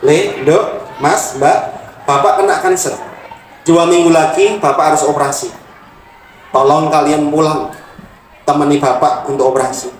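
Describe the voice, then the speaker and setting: A man's voice: fairly high pitch, moderate pace, natural voice. A man voicing an older father with cancer who pleads plainly with his absent children, heard in a roomy room from a distant mic. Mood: pleading. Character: elderly male cancer patient, weary, heartbroken father.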